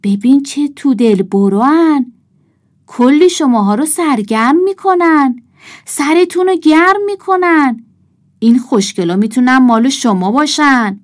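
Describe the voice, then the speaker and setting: A woman voicing a pushy old male junk dealer in a storybook, boasting loudly about his wares. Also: mid-range voice, expressive, natural voice. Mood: boastful. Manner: boastful sales patter.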